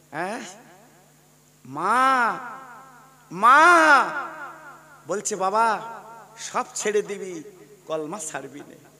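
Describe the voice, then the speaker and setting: A male preacher from India giving an emotional storytelling sermon that swings from shouting to low murmurs. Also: big-room sound. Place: outdoor religious gathering.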